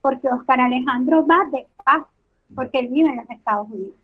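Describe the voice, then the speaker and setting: A woman with a notably high voice and a Venezuelan coastal Caribbean accent that could pass for coastal Colombian. She discusses her views casually as a podcast guest. The audio is narrow and tinny, like a phone call. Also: a little fast. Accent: Venezuelan, coastal Caribbean, sounding like coastal Colombian.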